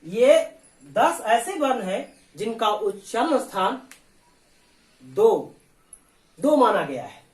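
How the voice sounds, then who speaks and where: Slow roomy-voiced male teacher. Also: high voice, sing-song. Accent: Bihari Hindi. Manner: slow, explains step by step, asks and answers own questions. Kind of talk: board exam lesson. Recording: roomy echo.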